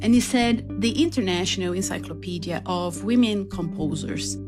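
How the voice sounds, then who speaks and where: A woman with a Brazilian accent, originally from southern Brazil, chats about her own life over music as an interview guest. The classical singer uses a mid-range voice at a moderate pace.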